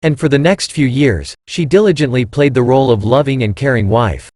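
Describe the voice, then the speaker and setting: A man narrating a first-person story in a steady storytelling read. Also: mid-range voice, fairly quick, no echo, clean studio sound.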